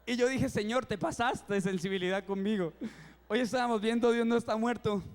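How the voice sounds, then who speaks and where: A young man in his twenties, a youth pastor, preaching a sermon and telling funny stories, acting out his own reactions with lively energy. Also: high voice, brisk, smooth. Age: 20s. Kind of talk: sermon with humorous storytelling. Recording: reverberant hall.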